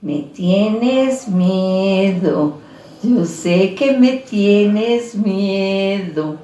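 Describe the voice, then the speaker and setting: Creepy ghost girl voice a woman doing it, super slow sly taunting, kinda sing-song, echoey. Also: medium pitch, expressive, dark tone, slight background noise.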